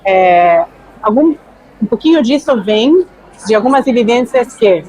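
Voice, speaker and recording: A woman's voice: a little high, expressive, measured pace, darkish tone, a little hiss or hum, rough recording. A woman from Argentina, a neuroscientist guest explaining things thoughtfully in a conversation. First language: Spanish. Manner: thoughtful, often checks in with "né".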